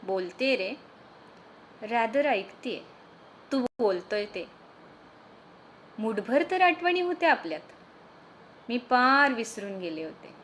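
A woman's voice: on the high side, animated, takes it slowly, pauses often, fairly bright tone, a little hiss or hum. A woman reading the part of a woman chatting with an old college friend, teasing and probing. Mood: wistful. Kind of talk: storytelling reading.

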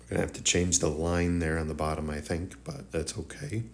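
Here a man who runs a woodworking tutorial channel talks viewers through things informally, rambling as he goes. His low voice keeps a level tone at a brisk pace and sounds slightly nasal and congested, a morning voice.

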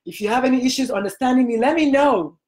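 Talking fast in a high, darkish voice, this podcast host is a middle-aged woman with a Nigerian accent. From a small room at home she leads a casual interview chat, speaking emphatically into her laptop webcam and gesturing broadly.

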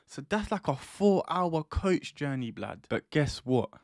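A man's voice: a little high, big pitch swings, measured pace, darkish tone, no room sound. Young East London roadman, dry close mic. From East London, England. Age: 20s. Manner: London roadman slang delivery, emphatic. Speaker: YouTube storyteller. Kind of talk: casual comic storytelling to camera in street slang. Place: small indoor room. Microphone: close studio microphone on boom arm.

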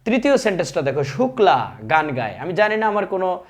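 A man's voice: high voice, sing-song, fast talker. A man with a Bangladeshi accent teaching an English grammar lesson, explaining step by step and quizzing his viewers as he goes.

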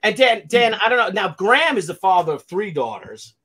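A man's voice: high voice, brisk. A man hosting a casual live video call, teasing his guests and joking around. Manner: joking, teasing, lively storyteller. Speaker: host. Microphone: video call webcam.

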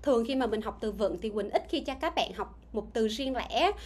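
A woman teaching English grammar live online speaks with a fairly high pitch and lively intonation. She reads out answers from viewers, asks them questions, and repeats words slowly.

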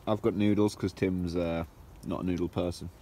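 A man's voice: deep voice, little pitch movement, moderate pace, warm tone. A man with a Northern English accent, chatting casually as he films his woodland camp and cooking by the fire. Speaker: camping vlogger. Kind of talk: casual outdoor vlog narration.

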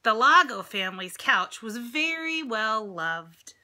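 A middle-aged American woman with a fairly high, bright voice reads a picture book to children, taking her time and speaking forcefully and expressively. She adds chatty asides and asks her young listeners questions, like a teacher at storytime. She's indoors at home in a room with a dresser and ceiling fan, recorded on a phone or tablet held at arm's length.

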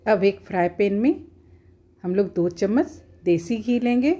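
A woman's voice: medium pitch, lively intonation, a little slow, mellow. A woman at home, talking viewers through a cooking recipe step by step in a plain, homely, instructive way. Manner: homely, instructive, often says "dekhiye".

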